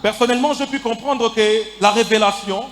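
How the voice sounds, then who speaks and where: A man preaching a sermon in short, deliberate phrases, with a lisp that makes his sibilants slushy. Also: very high-pitched, a bit bright. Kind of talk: sermon delivered phrase by phrase with pauses for an interpreter. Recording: echoey hall with long reverb, faint music.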